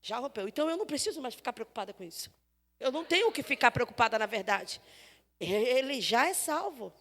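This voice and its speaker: High-voiced Brazilian woman preaching. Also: brisk, big-room sound. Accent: Brazilian Portuguese. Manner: lively storytelling, acts out dialogue, swings from loud to soft. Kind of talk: sermon. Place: church.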